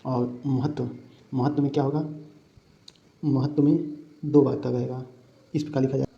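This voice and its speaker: A man's voice: medium pitch, level tone, normal speed, creaky, mellow, muffled recording. A male teacher giving a Hindi spelling lesson for exam prep, who repeats each word and keeps asking his students rhetorical questions. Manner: repeats words and asks the class rhetorical questions.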